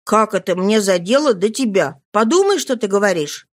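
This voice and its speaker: A woman voicing a lively young woman who coaxes and teases a friend in an audiobook. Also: mid-range voice, normal speed, close to an everyday voice. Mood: coaxing. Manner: coaxing and teasing. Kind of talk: audiobook reading.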